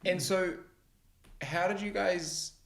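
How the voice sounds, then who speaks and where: A man's voice: sits high, slow pace, gravelly. A man interviewing in an informal, chatty way with loosely phrased questions. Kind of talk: casual chat. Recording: roomy echo.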